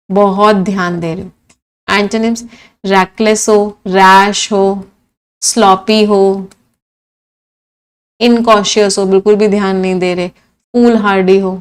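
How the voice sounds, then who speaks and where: A woman's voice: mid-range voice, clear, resonant tone. A woman teaching English vocabulary for exams, asking questions and then answering them herself, repeating each meaning. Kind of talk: exam-prep vocabulary lesson in Hindi-English mix.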